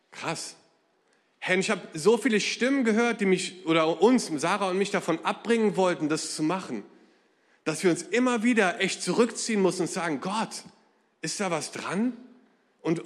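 High-voiced man preaching in an echoing hall. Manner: lively, humorous, conversational preaching. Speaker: pastor. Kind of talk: sermon.

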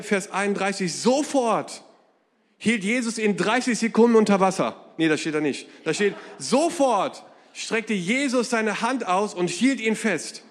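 High-voiced man preaching in an echoing hall. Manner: lively, humorous, conversational preaching. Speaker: pastor. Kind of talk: sermon.

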